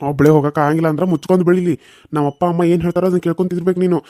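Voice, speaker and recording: A man voicing a stern, quick-tempered young husband in a cartoon serial, lecturing in a North Karnataka accent. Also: on the high side, steady tone, mellow, no echo, clean studio sound, close to an everyday voice. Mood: angry. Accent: North Karnataka Kannada. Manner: lecturing, reproachful. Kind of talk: Kannada cartoon serial voice acting.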